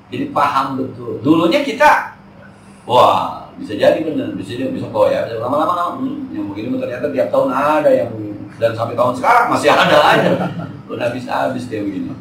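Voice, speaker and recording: A man's voice: mid-range voice, fairly bright tone, a little hiss or hum. A man, giving a chatty, joking religious study talk in a mosque. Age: 40s. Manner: chatty, jokey, slangy Jakarta talk. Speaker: Islamic teacher. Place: mosque hall. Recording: echoey hall from far off.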